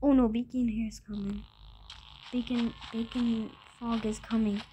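A woman giving casual let's-play commentary, excitable and jumpy, repeating her words as she chatters. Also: fairly high pitch, a little slow, a little hiss or hum. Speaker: gamer.

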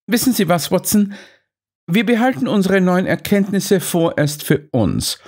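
A man voicing a sharp, aloof detective who speaks dryly and curtly in an audiobook. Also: high voice, big pitch swings, unhurried, pitched above the performer's own voice, heavily acted. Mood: cool, dry. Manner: dry, detached, curt.

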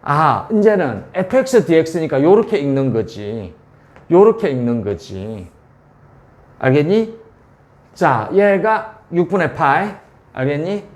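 A math tutor works through a calculus lesson at a whiteboard, repeating values and often checking that his students are following. His voice is a little high, very animated, and unhurried.

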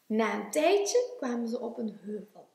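High, lively woman teacher reading a picture book aloud, slow and expressive, echoey room. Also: gravelly. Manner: expressive, sing-song.

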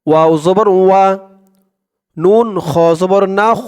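A male teacher giving a recitation lesson, spelling out letters and vowel marks one by one and joining them into words in a slow, drawn-out chant. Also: clear, resonant tone. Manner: calm explanations, quieter and lower than the recitation.

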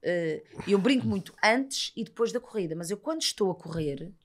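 A woman's voice: mid-range voice, normal speed. A woman in her thirties with a European Portuguese accent, chatting casually as a podcast guest and telling stories while acting out the dialogue. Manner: animated storyteller, acts out dialogue. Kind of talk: casual chat.

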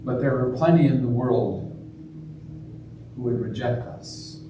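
A man leading a church service, preaching and then chanting the eucharistic prayer in a slow, measured liturgical way, with a heavy cathedral-like echo. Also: medium pitch, mellow. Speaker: priest. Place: large church. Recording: echoey church from far off, noisy.

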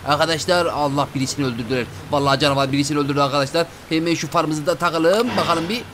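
A man hosting a gaming video, talking fast and high with plenty of excited exclamations. He speaks straight to his viewers as he plays, with a faint hiss of noise behind him. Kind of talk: excited let's-play commentary.

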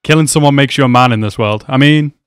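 Speaking fast in a clean, medium-pitched voice, a young adult reacts to an anime episode on a headset mic in a small home room, and the recording is dry. He chats casually, curses often and addresses the characters as "bro."

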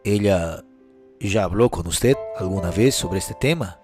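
A man voicing a calm, somber doctor who delivers bad news slowly and gravely, with music behind. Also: low voice, pitched below the performer's own voice. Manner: slow, grave, measured.

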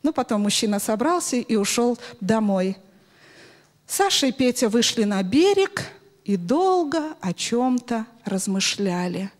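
A middle-aged woman with a high voice tells a moral story to a group of children. She is expressive and instructive, drawing her young listeners in with questions as she speaks into a handheld microphone. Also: measured pace. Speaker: children's Sunday school teacher. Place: large bright church hall with audience of children.

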